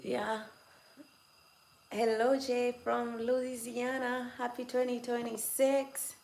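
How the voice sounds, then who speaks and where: Livestreaming casually from home, an adult woman past twenty-six teases and chats with her viewers and laughs often. Her slightly high, darkish voice is flat, slow and touched with vocal fry, and the echoey room has some faint background noise.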